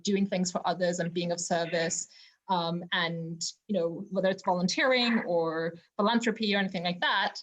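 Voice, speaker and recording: The sound is lo-fi as a Zimbabwean woman with a mid-range voice talks on a podcast from her home over a remote call. The relaxed interview finds her earnest and reflective, often filling gaps with "you know."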